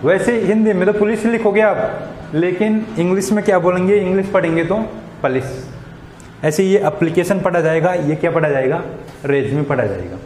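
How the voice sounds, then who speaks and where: A male teacher gives a patient lesson, posing questions and answering them himself. His voice sits a little high, and the sound rings in an echoey room. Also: fairly quick, a little mellow, a little hiss or hum. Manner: repeats questions and answers them himself, frequent "samajh gaye". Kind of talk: classroom lesson explaining English to Hindi speakers. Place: school classroom.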